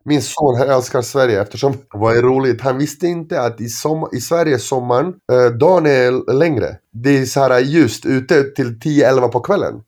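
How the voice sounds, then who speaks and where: Middle-aged man telling lively anecdotes. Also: medium pitch, hardly any pauses. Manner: animated anecdotes with frequent restarts and "jag bara" quoting. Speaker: interview guest, former basketball player. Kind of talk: casual storytelling.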